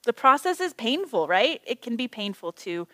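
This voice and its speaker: A woman's voice: a little high, very animated, moderate pace, sharp tone, no echo. Chatty woman teaching a Bible study. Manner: chatty, self-deprecating, storytelling with asides. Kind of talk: casual teaching talk. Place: small indoor group meeting.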